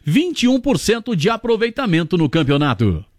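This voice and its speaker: High-voiced man reporting football statistics, dry sound. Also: very animated, brisk, a little mellow, no room sound. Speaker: sports radio statistics reporter. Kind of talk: statistics report on live sports radio. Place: radio studio.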